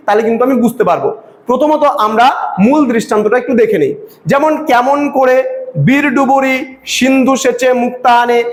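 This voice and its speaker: High-voiced man teaching in an echoey room. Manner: explains step by step, checks understanding. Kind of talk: Bengali literature lecture.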